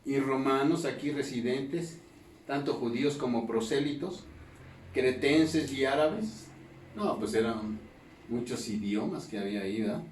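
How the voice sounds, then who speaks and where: Pastor teaching in an echoey church. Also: male voice, mid-range voice, animated, measured pace, a little hiss or hum. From Mexico. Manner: conversational teaching, constant tag questions to the congregation. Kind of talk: Bible study sermon. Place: church hall. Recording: echoey room, distant mic, faint ambience.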